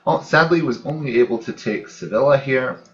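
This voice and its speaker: Hosting a gaming let's play, a man gives casual, unscripted commentary, musing aloud hesitantly and letting his thoughts trail off. His voice is medium-pitched at a normal speed. It comes through a dull lo-fi mic with background music behind him.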